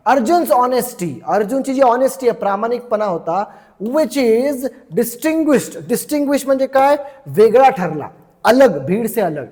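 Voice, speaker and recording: High-voiced man teaching in a reverberant room. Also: expressive, darkish tone. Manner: explains slowly, repeating each word and its meaning; chatty, checks in with "ठीक आहे". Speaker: English teacher. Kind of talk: explaining a story lesson.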